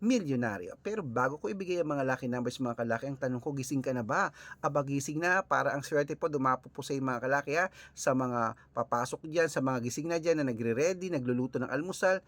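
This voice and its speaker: A man from the Philippines hosting a casual vlog, chatting with viewers and reading out lucky numbers in a lively way. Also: mid-range voice, fast talker, no room sound. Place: early morning, on his way out, with cars passing.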